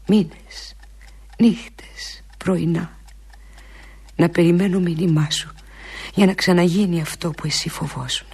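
A woman performing a theatrical monologue as a lovesick woman pleading with an absent lover, intimate and often slipping into breathy half-whispers. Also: low voice, darkish tone, full character voice. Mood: longing.

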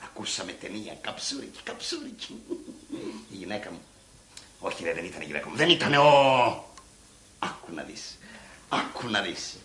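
A man with a bright, lively voice tells a comic phone story in mocking, animated bursts, tapping out sound effects with his mouth. The recording sounds roomy, with faint noise under it. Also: low voice, long pauses. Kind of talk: comedy monologue.

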